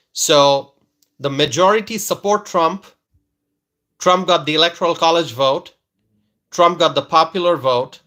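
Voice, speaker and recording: A Bangladeshi man hosts a political commentary live stream, greeting viewers by name and repeating his points, often tagging them with "okay?" He uses hesitant fillers and restarts. His voice is on the high side, pushed and bright.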